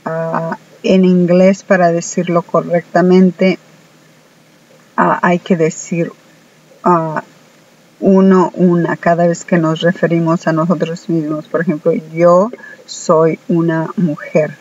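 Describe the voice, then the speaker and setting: A woman whose first language is Spanish, teaching an online English lesson slowly and deliberately, often pausing on "ah". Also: lowish voice, little pitch movement, a little mellow, dull audio. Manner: slow, deliberate, many hesitant "ah" fillers.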